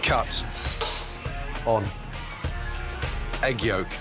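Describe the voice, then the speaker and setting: A man's voice: fairly low pitch, very slow. A British man reading scripted TV cookery narration in a clipped, emphatic way. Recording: voice-over with music behind.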